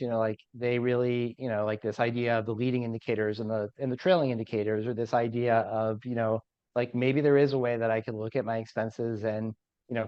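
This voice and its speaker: A male podcast host who rambles through his questions, leaning on "you know" and "like". His voice sits at an average pitch. The audio sounds dull and muffled, with no room echo. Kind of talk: podcast interview.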